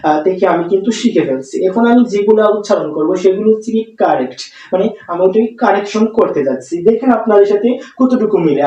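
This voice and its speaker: A teacher walks learners through a vocabulary lesson, explaining slowly and repeating each word. The voice is mellow and rises and falls a lot. It is heard from a distance in a strongly echoing room. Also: medium pitch, highs cut off. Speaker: English teacher. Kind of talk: spoken English lesson. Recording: echoey room, far from mic.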